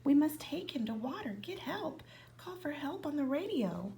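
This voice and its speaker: A frantic little boy cries out for help in a high, urgent voice, as a woman reading aloud puts him on. His pleas carry a gravelly rasp. It is a storybook read to children. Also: sing-song, normal speed, noisy background, heavily acted. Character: young boy, panicky fish owner.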